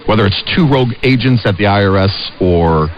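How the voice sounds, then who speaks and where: An American man co-hosting a conversational political talk radio show, speaking emphatically with halting restarts and repeated short phrases. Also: lowish voice, lively intonation. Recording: dull, band-limited radio sound.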